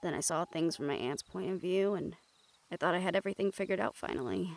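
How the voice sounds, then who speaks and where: With a fairly low, creaky voice and a fast pace, a woman plays a young monster hunter in an intimate audio roleplay. She's casual, wry, and sweary, teasing and tender toward a partner in a weary mood, breaking into soft chuckles. Music runs under her voice.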